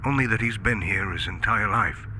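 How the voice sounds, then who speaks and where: A man playing a kindly, hopeful rocket captain in a retro radio space adventure, gently commanding and a little wistful. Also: on the low side, moderate pace, heavy background noise, natural voice. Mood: gentle, earnest. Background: music.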